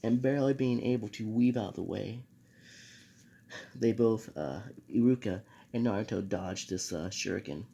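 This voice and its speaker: Gravelly young man telling a fan story. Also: on the low side, moderate pace, mellow, muffled recording. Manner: rambling with many fillers and restarts. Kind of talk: casual fan story narration.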